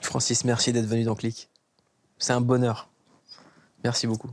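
A man's voice: mid-range voice, completely flat delivery, moderate pace, a little hiss or hum. A man hosting an interview, asking playful, teasing questions in a casual way. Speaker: interviewer, host.

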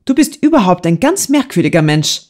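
A woman's voice: lowish voice, sing-song, a little fast. Woman reading a cheerful teenage girl. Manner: eager and bright.

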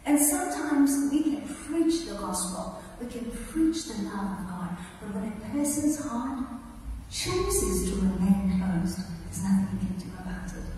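Her voice is mellow and mid-range as she preaches at a church lectern, keeping things conversational and emphatic while asking the congregation questions. Recorded through the lectern mic in a large sanctuary, she sounds far away amid hall echo and faint noise.

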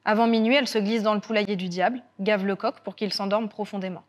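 A woman storyteller telling a folk tale with guitar accompaniment, lively and expressive with dramatic pauses. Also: medium pitch. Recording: guitar music throughout.

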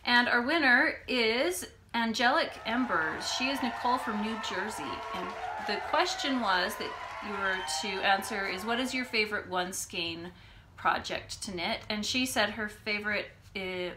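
A woman's voice: mid-range voice, moderate pace, noisy background. A woman co-hosting a casual podcast, with a nasal voice and an easy, laughing chat. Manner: chatty, laughs easily. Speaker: podcast co-host. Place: home room, recorded on a phone.

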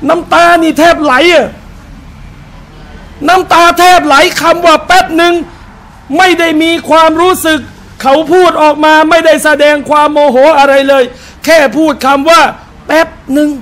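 High-voiced male preacher. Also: steady tone, unhurried, a bit bright. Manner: preachy, keeps addressing listeners as brothers and sisters; tells personal anecdotes and acts out short quotes. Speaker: Islamic religious teacher. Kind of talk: live sermon to a seated audience. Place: restaurant hall with a live audience.

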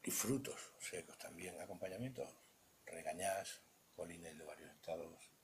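A man with a Spanish accent and a very low voice walks a phone camera around a buffet table indoors. He speaks off the cuff as a cheese expert, halting and rambling, often trailing off into murmurs. Faint room noise sits under his voice. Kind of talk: unscripted walkthrough. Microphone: handheld phone camera.

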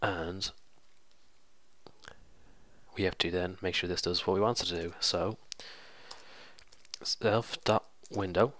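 Low, bright-toned man with a cold. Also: steady tone, takes it slowly, pauses often. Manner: casual, explaining step by step, self-correcting. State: congested with a cold. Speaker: programming tutorial host. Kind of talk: screen-recorded coding tutorial.

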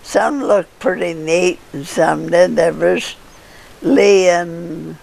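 Slow, creaky older woman reminiscing. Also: fairly low pitch, a little mellow. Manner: halting storyteller with frequent laughs and fillers. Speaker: interviewee. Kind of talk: casual reminiscing.

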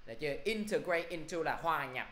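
A man's voice: a little high, lively intonation, quick pace, a bit bright, echoey room. A male teacher quizzing his class through an English review, often checking if they follow. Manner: quizzing students, repeating "được chưa?".

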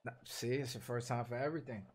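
A man's voice: mid-range voice, fast talker. A young man streaming from a bedroom on a headset, brashly teasing strangers on video chat with crude jokes. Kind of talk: casual trolling banter. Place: small bedroom with blinds.

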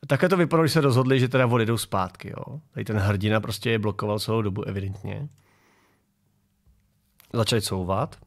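Sarcastic man hosting commentary. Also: fairly low pitch. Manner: mocking, sarcastic. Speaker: political commentary show host. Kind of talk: sarcastic commentary over video clips. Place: garage.

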